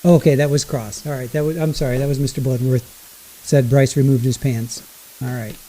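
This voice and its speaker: A man giving casual live commentary, rambling and correcting himself as he goes, with a low hiss under his voice. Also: fairly even intonation, brisk, warm tone, poor audio. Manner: rambling, self-correcting, exclaiming. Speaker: livestream trial commentator.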